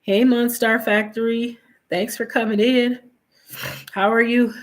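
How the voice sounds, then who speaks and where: This livestream host is a woman who sounds nasal and sniffly from allergies as she chats casually with viewers. Her pitch is fairly high, her delivery flat and her pace measured, and she reads out viewer names while trailing off into fillers.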